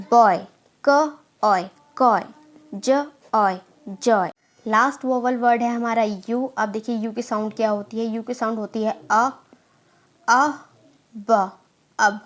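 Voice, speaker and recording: A woman, teaching a phonics lesson and slowly sounding out letters before blending them into words. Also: a little high. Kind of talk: slow phonics drill.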